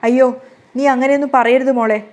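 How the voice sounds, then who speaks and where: A woman's voice: sits high, steady tone, quick pace, close to an everyday voice. A woman voicing a middle-aged mother who holds back tears and keeps secrets, speaking firmly to her daughter-in-law. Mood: tearful. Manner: tearful, then firm and dismissive. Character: grieving middle-aged mother, secretive, loving yet stern.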